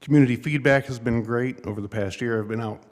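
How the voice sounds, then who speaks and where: A man making a measured, earnest public comment at a council podium, with occasional hesitations. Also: mid-range voice. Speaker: public commenter, nonprofit founder. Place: city council chamber. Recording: echoey hall with long reverb.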